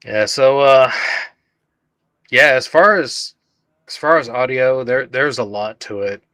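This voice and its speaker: A man who calls his own voice droning co-hosts a casual livestream chat about sound and recording, speaking in an unhurried, droning way. His mid-range voice comes across pushed and bright, recorded at studio quality with no echo.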